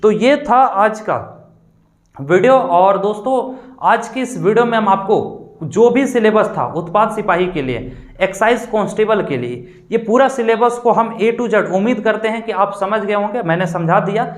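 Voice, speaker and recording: A man's voice: high voice, animated, moderate pace. A man teaching an online exam-prep class, explaining patiently and repeating his points as he addresses the viewers as friends. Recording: roomy echo.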